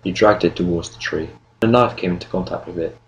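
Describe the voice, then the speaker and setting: A man reading an audiobook novel in steady, measured narration. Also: low voice, soft background music, low-quality recording. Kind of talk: scripted narration.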